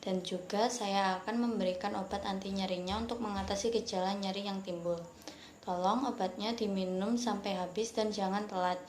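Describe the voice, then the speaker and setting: A woman's voice: mid-range voice, steady tone, normal speed, close to an everyday voice. A woman playing a reassuring doctor who explains treatment in a scripted student role-play. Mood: calm, explanatory. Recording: echoey room, faint background noise.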